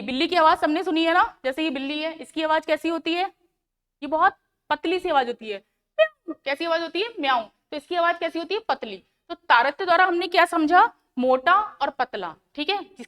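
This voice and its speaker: A woman's voice: high voice, fairly bright tone. A woman science teacher explaining a lesson to schoolchildren in Hindi-accented speech. She asks questions and answers them herself, repeating the key terms. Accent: Hindi, North Indian. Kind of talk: classroom lesson explaining to children.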